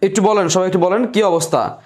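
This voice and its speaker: A man's voice: sits high, fairly quick. A young man teaching a live online Bengali class, reading out viewer comments and explaining pronunciation step by step with many repeated questions to the class.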